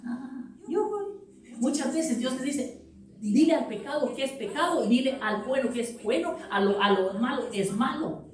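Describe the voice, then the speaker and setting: A woman's voice: expressive, moderate pace. A woman pastor preaching a sermon to her congregation in an impassioned way, with many rhetorical questions. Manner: impassioned preaching that climbs higher and louder, with repeated rhetorical questions. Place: church sanctuary. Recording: very echoey church hall, voice from far off.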